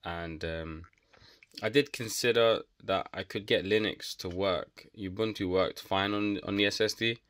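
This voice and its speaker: A man's voice: deep voice, fairly even intonation, unhurried, fairly bright tone, dry recording. A man narrating a home computer repair casually, rambling and thinking aloud with self-deprecating remarks. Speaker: DIY tech vlogger.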